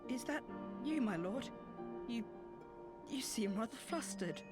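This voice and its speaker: An actress playing a kindly, deferential servant who speaks softly and haltingly in a video game. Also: female voice, a little high, animated. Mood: gentle. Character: meek, kindly servant, gentle and hopeful. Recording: loud game music behind.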